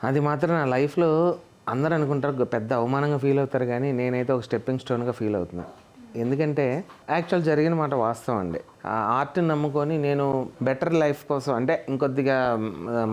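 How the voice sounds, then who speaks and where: Male mimicry artist in an interview; earnest and explanatory, brisk pace. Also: medium pitch, darkish tone. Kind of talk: interview conversation.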